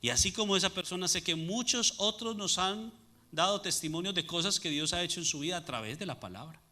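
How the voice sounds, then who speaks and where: Male pastor, high voice, very bright and forceful tone, preaching with rhetorical questions. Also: fairly quick. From Latin America. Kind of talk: sermon.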